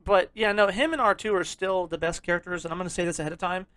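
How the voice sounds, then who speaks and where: A podcast co-host in casual chat, talking excitably and rambling with lots of swearing. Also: medium pitch, quick pace, dry recording.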